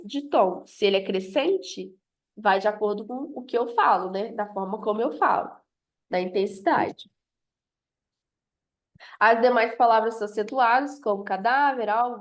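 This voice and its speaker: A woman teaching a grammar review lesson, explaining step by step and often checking in with "ok?". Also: medium pitch.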